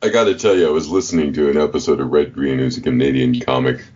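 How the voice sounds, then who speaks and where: A man's voice: extremely low pitch, quick pace, highs cut off. A man hosting a podcast, chatting casually and animatedly with his guest. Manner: animated, chatty, laughs easily. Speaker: podcast host. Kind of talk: casual interview chat.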